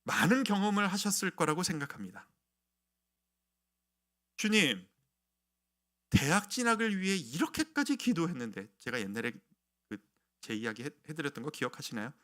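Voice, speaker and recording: Male pastor, sermon delivery, high animated voice, bright tone, dramatizes prayers. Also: moderate pace, pauses often. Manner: storytelling sermon, acting out his own past prayers with rising intensity.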